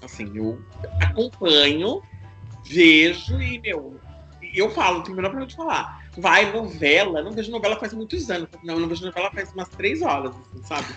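A man in his thirties from Brazil, hosting a casual chat, animated and confessional, acting out other people's reactions. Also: high-pitched, brisk, soft background music.

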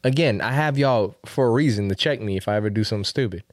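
A man's voice: lowish voice, fast, dry recording, clean studio sound. A man in his late twenties chatting casually on a podcast, slangy and repeating himself, with lots of "bro" and "man". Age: late 20s. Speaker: podcast co-host. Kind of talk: casual chat.

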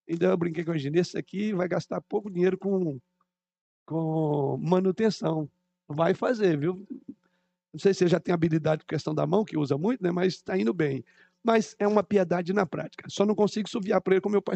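A middle-aged man preaches in a relaxed, conversational way, wandering into stories from home. His voice sits high, with a gravelly rasp running through it. He talks to the congregation as if chatting with friends. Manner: conversational, digressive with personal anecdotes. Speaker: pastor. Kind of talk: sermon.

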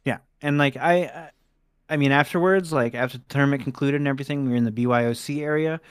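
A man's voice: medium pitch, quick pace, clean tone, no echo, studio quality. A man hosting a podcast, chatting casually and laughing easily, swearing now and then. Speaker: podcast host.

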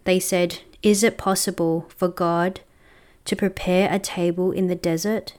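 A woman with a clear, smooth voice reading scripture as a lector at Mass. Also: on the low side, fairly even intonation, unhurried, a little mellow.

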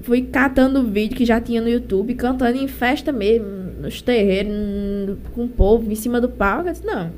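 A young singer with a Northeastern Brazilian accent and a cold tells her story casually and chattily in an interview. Her somewhat high, slightly mellow voice moves at normal speed with few pauses, and there's slight background noise.

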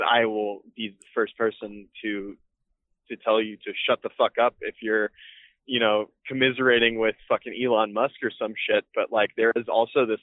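A man's voice: fairly low pitch, no room sound. A man's voice comes through an old flip phone line, thin and band-limited with a dry, close sound. He talks in a loose, laid-back way, full of fillers and casual swearing. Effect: heard over an old flip phone call. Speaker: guest calling in by phone. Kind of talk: casual chat.

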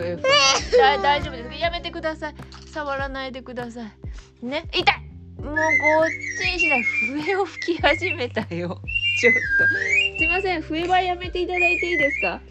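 High-voiced flustered mother podcasting. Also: wildly swooping pitch, brisk, over loud music. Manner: flustered, laughing, pleading with her small child. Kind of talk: casual solo podcast chat.

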